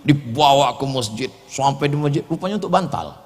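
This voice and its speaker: A man giving a lively religious lecture, joking and acting out the voices he quotes. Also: medium pitch, a little fast, a little hiss or hum. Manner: animated, jokey, acts out quoted voices. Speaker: preacher. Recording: echoey hall.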